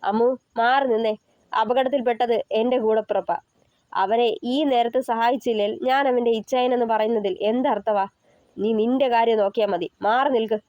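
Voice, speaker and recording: An urgent, commanding elder brother who brushes off fear and gives orders, voiced by a woman narrator. The tone is fairly high and close, with a dry, dull lo-fi sound. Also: fairly even intonation, normal speed, no echo, natural voice. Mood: firm. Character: protective older brother, anxious yet firm.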